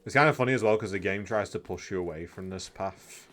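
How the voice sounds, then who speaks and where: A man commenting casually over a game stream, thinking out loud as he plays. His voice sits a little low. Now and then he mutters guide text quietly to himself. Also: quick pace. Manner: chatty, thinks aloud, reads guide text under his breath.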